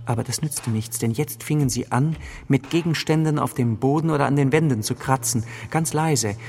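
A man's voice: mid-range voice, moderate pace, in a large hall. A man giving a tense, dramatic first-person narration of a story. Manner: tense, dramatic reading with sudden loud outbursts in quoted cries.

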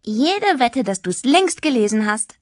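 A woman's voice: a little high, very animated, a little slow, no room sound, studio quality, pitched above the performer's own voice. A woman doing a gushing teenage schoolgirl, Tanja. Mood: chatty. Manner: breathless and gushing. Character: chatty excitable teenage schoolgirl.

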